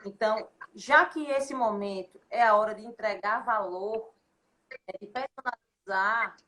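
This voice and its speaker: A woman's voice: mid-range voice, a little slow, pushed and bright. A woman, a consultant guest explaining her points in a didactic, list-like way on a podcast. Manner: didactic, lists points in repeated phrases.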